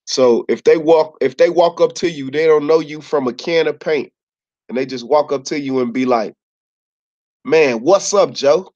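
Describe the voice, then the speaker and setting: A man's voice: fairly high pitch, steady tone, normal speed, a little mellow. A man from Chicago with a Chicago accent, talking casually to camera in a slangy, laid-back storytelling way. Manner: laid-back slangy storytelling, many "you know what I'm saying". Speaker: YouTuber. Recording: slightly dull lo-fi recording.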